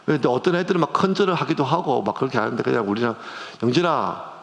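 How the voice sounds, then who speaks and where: A man's voice: medium pitch, animated, racing, creaky, fairly bright tone. A middle-aged male pastor, preaching a conversational sermon with strong emotional swings. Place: church sanctuary. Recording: long church reverb.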